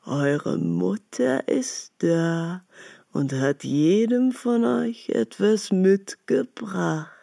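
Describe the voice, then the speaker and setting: A sly storybook wolf drags out every word in a slow, wheedling voice, as a woman voices him. At times he drops low and quiet to threaten. The sound is dry and close. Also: animated, vocal fry, no echo, heavily acted. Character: sly big bad male wolf, disguising himself.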